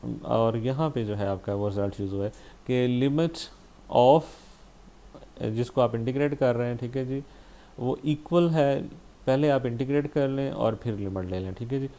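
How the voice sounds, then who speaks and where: Mellow-voiced man lecturing on math. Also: mid-range voice, normal speed. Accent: Pakistani Urdu. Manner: explains step by step, frequent "theek hai ji" checks; mixes English math terms into Hindustani. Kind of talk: recorded lecture.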